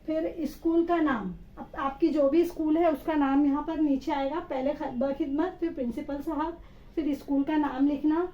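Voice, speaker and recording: A woman's voice: high-pitched, fairly even intonation, normal speed, echoey room, lo-fi sound. A woman teaching an Urdu spelling lesson, patiently sounding out each letter and syllable.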